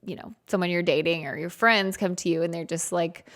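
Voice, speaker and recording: A woman's voice: fairly low pitch, fairly even intonation, brisk, fairly bright tone. A woman co-hosting a podcast, talking in a casual, chatty and self-deprecating way and laughing often. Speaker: podcast co-host. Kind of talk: casual chat.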